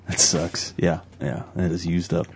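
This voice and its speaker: A man's voice: steady tone, a little slow, a little hiss or hum. A man co-hosting a podcast, joking in casual crude banter in a laid-back way. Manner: laid-back and joking, bursts into high laughs. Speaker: podcast co-host.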